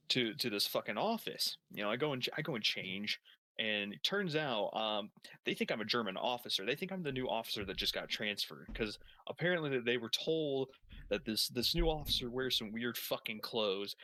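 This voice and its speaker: A man's voice: lowish voice, pushed and bright, no room sound. A man improvising a long comedic story in first person, swearing constantly and restarting his sentences as he goes. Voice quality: heavy swearing, rambling with many restarts. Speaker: storyteller on a gaming stream.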